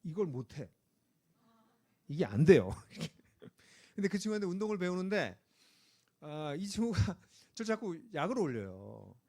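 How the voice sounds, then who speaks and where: Middle-aged male preacher, animated storyteller, fairly high voice that swings widely, rising to emphatic calls. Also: measured pace, long pauses. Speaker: pastor. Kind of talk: sermon. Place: church sanctuary.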